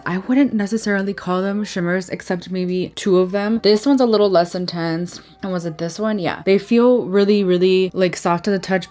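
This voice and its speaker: A woman with a slightly low voice chats through a beauty review. She sounds enthusiastic and casual, talking straight to her viewers and repeating words when she wants to stress a point. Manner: upbeat and enthusiastic. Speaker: beauty video host. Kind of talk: chatty makeup review to camera.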